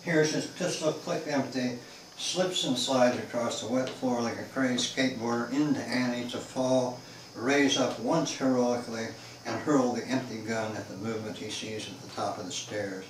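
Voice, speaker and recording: A man's voice: mid-range voice, steady tone, moderate pace. Man reading his novel, echoey and distant. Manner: dramatic, shifting pace. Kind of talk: dramatic book reading. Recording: echoey room, mic far off, faint hiss.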